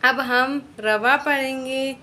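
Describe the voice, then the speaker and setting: Woman reading teacher, high bright voice, drawing out each syllable slowly. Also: fairly even intonation. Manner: patient, drawn-out syllable drills. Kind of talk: slow spoken recitation lesson.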